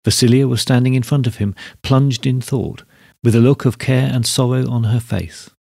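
A man narrating a classic short story in a measured, steady storybook reading. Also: medium pitch, vocal fry, no room sound, studio quality. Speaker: podcast host reading a story.

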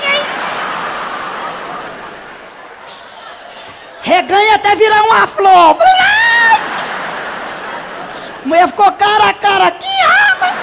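A very high, singsong woman with a country drawl gossips and shrieks through a comic tale on stage, as a man puts her on. The voice swoops wildly up and down with theatrical exaggeration. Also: creaky, big-room sound, noisy background, full character voice. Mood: shrieking. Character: brash rural middle-aged woman, chatty and dramatic. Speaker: stage comedian. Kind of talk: live stand-up character monologue. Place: live stage show.

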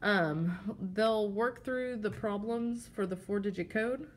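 A woman's voice: mid-range voice, slow pace, slight background noise. A woman teacher giving a plain, step-by-step walkthrough of a classroom game, showing the props as she talks. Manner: plain explanatory, steady step-by-step.

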